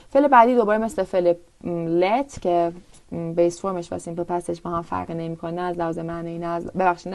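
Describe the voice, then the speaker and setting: A woman runs an English lesson. Her voice has a gravelly edge at a middling pitch. She says the English example sentences slowly and deliberately, and she explains them in quick, casual with small hesitations. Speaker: English teacher.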